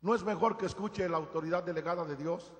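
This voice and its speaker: A man, an evangelist, preaching a live sermon, moving between shouted emphasis and quiet storytelling, in a large church. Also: sits high, fast. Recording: live church hall reverb.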